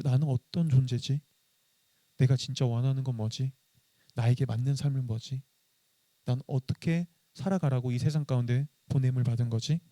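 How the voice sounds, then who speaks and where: A male pastor preaching an animated sermon, full of rhetorical questions. His fairly high voice swings widely in pitch, and the recording is dry and close with no room sound. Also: dry recording.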